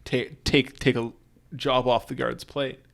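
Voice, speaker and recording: Gravelly man running a tabletop game. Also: mid-range voice, flat delivery, unhurried, a bit bright. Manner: hesitant, many fillers and restarts. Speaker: game master.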